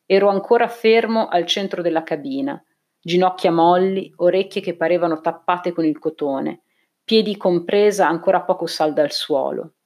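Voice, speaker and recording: A woman reading a first-person science fiction novel aloud in a measured, even storytelling manner. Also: on the low side. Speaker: audiobook narrator. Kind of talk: first-person audiobook narration.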